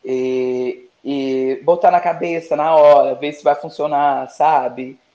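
A man's voice: mid-range voice, fairly even intonation, takes it slowly, warm tone. A man, a drag queen guest, chatting playfully in campy slang about competing. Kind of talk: casual interview chat. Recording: roomy, dull lo-fi sound.

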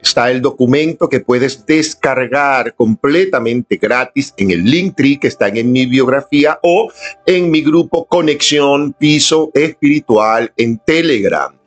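A man leads a devotional prayer on a live stream, in an earnest and inviting tone, speaking slowly and deliberately to his viewers. His voice sits at a mid pitch. Faint music plays behind him. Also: expressive, dull audio. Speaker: prayer leader. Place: indoors at home, filming on a camera.

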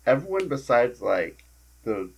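Husky, gravelly low-voiced man. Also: sing-song, a little slow. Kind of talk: casual podcast chat.

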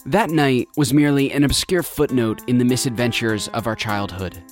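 A man in his twenties narrating a scripted documentary story in a measured, reflective way. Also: mid-range voice, soft background music. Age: 20s. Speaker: narrator and reporter.

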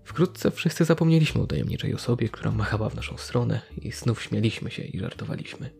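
Low gravelly guy reading a creepy story, quiet music under it. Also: animated, fast. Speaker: narrator. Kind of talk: first-person horror story narration.

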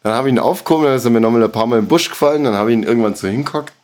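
A man's voice: medium pitch, rapid-fire, a little mellow. A man, co-hosting a casual podcast, telling a story and laughing often. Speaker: podcast co-host.

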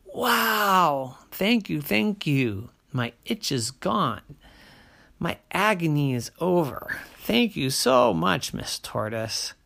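A big, desperate she-bear from a bedtime storybook, put on by a storyteller, pitched well above the teller's own voice. She pleads and exclaims in drawn-out, theatrical phrases, with a gravelly edge. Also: big pitch swings, a bit bright, heavily acted. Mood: delighted. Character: big itchy female bear, pleading and dramatic.

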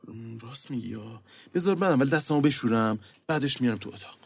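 An actor playing a calm, reasonable father in a comic radio play, his voice raspy. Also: mid-range voice, dry recording, studio quality. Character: easygoing adult father, mild and reasonable. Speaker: father in family audio drama.

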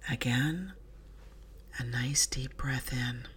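A woman narrating a sleep story as a guided relaxation, in a soothing, hushed, breathy voice that often softens into a whisper. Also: rumbling low, slight background noise. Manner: soothing, hushed, breathy delivery with soft whispery phrase endings. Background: slow music with drum beat.

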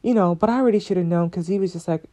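Mellow-voiced woman chatting casually. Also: on the low side, racing. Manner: chatty, playful, rambling with fillers. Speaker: podcast host. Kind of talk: casual chat.

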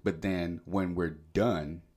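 A man's voice: low voice, fairly even intonation, takes it slowly, a little mellow. A man co-hosting a late-night radio show in casual, rambling banter, laughing easily.

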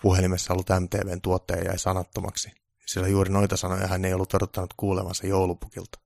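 Gravelly low-voiced male storyteller. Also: completely flat delivery, darkish tone, dry recording, studio quality. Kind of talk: comic deadpan storybook narration.

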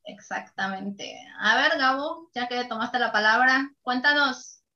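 A woman's voice: on the high side, unhurried, pushed and bright, dull audio. A woman hosting a casual radio talk show, chatty and laughing often.

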